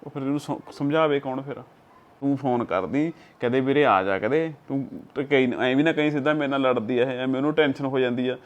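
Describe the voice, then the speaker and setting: An actor playing a young village husband with a Punjabi accent, calmly advising his wife and quoting proverbs. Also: mid-range voice, fairly quick, highs cut off, natural voice. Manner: calm, coaxing, uses proverbs.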